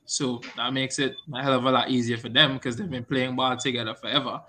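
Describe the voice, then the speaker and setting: A man's voice: mid-range voice, fairly even intonation, brisk. A man in a casual football podcast, arguing his side with heat and repetition. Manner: argumentative, gets loud and repetitive when heated. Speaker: podcast co-host, Arsenal fan.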